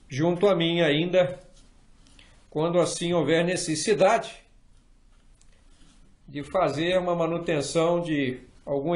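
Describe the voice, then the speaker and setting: A middle-aged man from Brazil, his voice on the high side with a darkish tone, methodically teaches fly rod building in a hands-on workshop tutorial. Working patiently in a small indoor room, he checks in with the viewer often. He's recorded from a distance, off-mic, and the space echoes.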